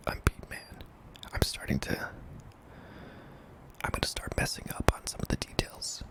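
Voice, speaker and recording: Whispering male ASMR horror narrator. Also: low-quality recording. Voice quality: breathy, mostly unvoiced whisper with some creak. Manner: hushed, deliberate storytelling in short phrases.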